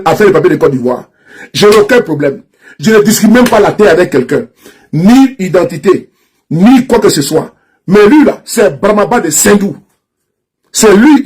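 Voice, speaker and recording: A man from Ivory Coast, using an Ivorian French accent and a high, husky voice, faces the camera to deliver a political rant as a social media commentator. He talks straight to his audience, mocking and insistent, repeating himself and often restarting sentences.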